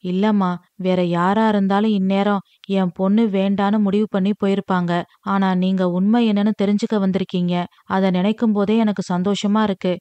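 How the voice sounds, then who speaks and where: Woman reading as a grieving gentle mother. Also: mid-range voice, flat delivery, moderate pace, no room sound, dull audio, natural voice. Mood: tearful. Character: grieving middle-aged mother, gentle and humble. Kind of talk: storybook reading.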